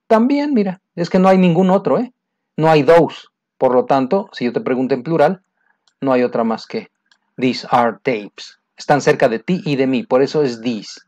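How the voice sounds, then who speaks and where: Slow, patient male English teacher. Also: fairly high pitch, a little mellow. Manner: patient, repetitive explaining, speaks straight to the learner. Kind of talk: recorded lesson going over exercise answers.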